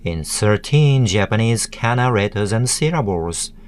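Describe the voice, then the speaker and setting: A man narrating a language tutorial in a measured, deliberate way, breaking words into syllables. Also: on the low side, lively intonation, a little hiss or hum. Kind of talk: slow instructional narration.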